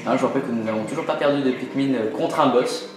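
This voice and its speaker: A man's voice: mid-range voice, fast talker. A man giving casual, self-mocking commentary while playing a video game, with lots of fillers. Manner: joking, self-mocking, many fillers, laughs often. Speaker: let's play host. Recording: very echoey room with game music.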